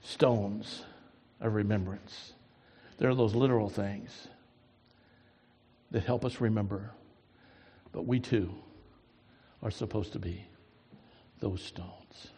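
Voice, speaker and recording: A man preaching a sermon as a pastor, moving from quiet reflective asides to loud, emphatic declarations, and ending in prayer. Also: on the low side, steady tone, takes it slowly, long pauses, slightly rough, in a large hall. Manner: swings from soft musing to loud emphatic preaching.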